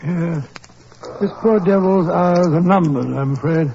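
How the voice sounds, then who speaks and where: An actor playing a blustering, self-assured gentleman doctor with a British accent in a 1940s radio drama. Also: on the high side, measured pace, slight background noise. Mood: concerned. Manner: pompous, blustering. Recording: dull old 1940s radio recording.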